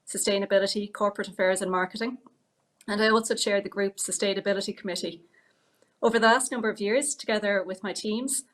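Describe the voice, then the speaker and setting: A woman's voice: medium pitch, fairly bright tone. A woman executive introducing herself on a panel with a polished, corporate delivery over a video call.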